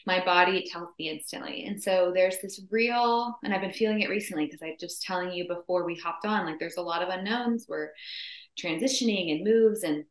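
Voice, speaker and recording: A woman hosting a podcast interview, talking in a candid, chatty and animated way. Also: on the low side, brisk. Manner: chatty, candid and animated, acting out quoted thoughts. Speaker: podcast host. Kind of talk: casual conversational interview. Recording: roomy echo.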